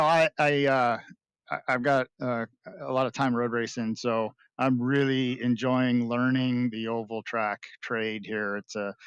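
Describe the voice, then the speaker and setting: A man's voice: mid-range voice, clear, resonant tone, no echo, lo-fi sound. Modest, good-humored male driver. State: out of breath. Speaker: race driver. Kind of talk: post-race interview.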